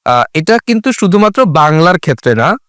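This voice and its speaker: A man's voice: a little high, very animated, a little fast, fairly bright tone, no echo, studio quality. Male IELTS expert explaining patiently. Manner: patient explainer, switches between English and Bengali. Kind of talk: explanatory talk.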